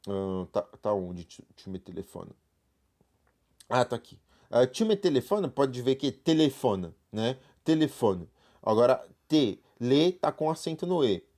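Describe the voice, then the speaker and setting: A man's voice: medium pitch, expressive, measured pace, a little mellow. A man with a Brazilian accent teaching a beginner French class, walking students through a textbook and checking in with frequent "right?" tags. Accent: Brazilian Portuguese. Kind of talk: online class walkthrough.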